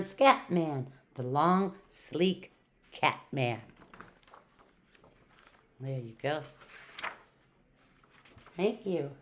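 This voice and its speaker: A retired teacher, an older woman with a fairly low-pitched voice, reads aloud from a picture book for children, stretching words and adding playful, rhythmic emphasis.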